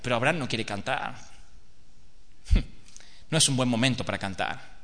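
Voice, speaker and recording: A man's voice: mid-range voice, normal speed, a bit bright. A man preaching a sermon as dramatic storytelling, theatrical and emphatic, speaking straight to his audience. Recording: echoey hall.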